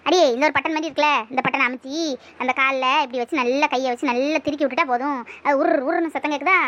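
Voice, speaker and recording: A woman putting on a lower, bossy voice for a teasing young village woman friend, in a cartoon. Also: fast talker, a bit bright. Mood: instructing. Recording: dull lo-fi recording.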